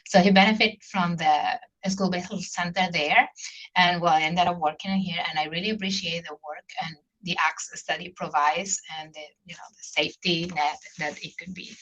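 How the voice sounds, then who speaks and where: A middle-aged woman with a Venezuelan Spanish accent presents on a webinar call in a somewhat low voice. She speaks haltingly, leaning on fillers as she goes. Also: fairly bright tone, dull audio. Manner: hesitant, frequent fillers. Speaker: clinic care coordinator. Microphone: video call.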